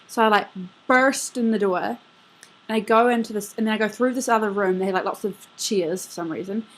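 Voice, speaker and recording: A woman's voice: medium pitch, brisk, fairly bright tone, rough recording. Rambling young woman telling a dream. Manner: rambling, filler-heavy, lots of "like". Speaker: vlogger. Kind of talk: casual video message recounting a dream.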